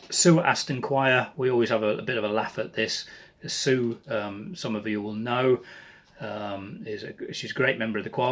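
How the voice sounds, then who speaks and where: A man leading a choir breathing warm-up, counting slowly and calmly with friendly asides to his singers. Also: mid-range voice. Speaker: choir leader. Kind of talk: breathing exercise lesson.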